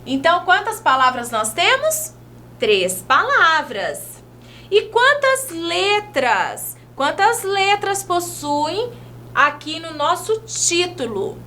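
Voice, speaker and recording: A woman from Brazil teaching young children in a video lesson, talking slowly in a sing-song way and stretching words out as she spells them. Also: extremely high pitch, big pitch swings, sharp tone, slight background noise.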